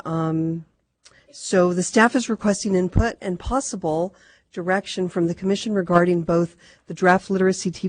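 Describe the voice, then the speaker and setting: A woman chairing a public commission meeting from a table microphone, speaking in formal, measured procedural phrases. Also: lowish voice, a little mellow, no room sound.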